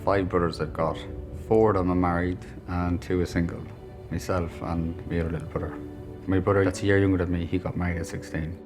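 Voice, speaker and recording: An Irish man with a deep, low voice tells his own story in a documentary interview, reflective and candid. Music plays clearly behind him. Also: flat delivery, brisk. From Ireland.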